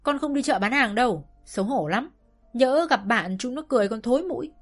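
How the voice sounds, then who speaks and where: A woman's voice: fairly high pitch, animated, a little fast, soft background music, pitched above the performer's own voice. A woman voicing a stubborn schoolgirl who protests in a whiny, indignant way in a storybook reading. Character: stubborn sulky schoolgirl, elder sister.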